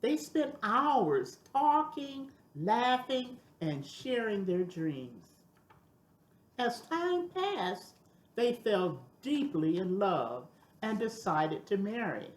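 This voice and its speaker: An older woman reads a children's storybook expressively, with sweet grandmotherly warmth and deliberate, emphatic phrasing. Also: medium pitch, sing-song. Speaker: storybook reader. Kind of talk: expressive scripted storybook narration. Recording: roomy, echoing sound.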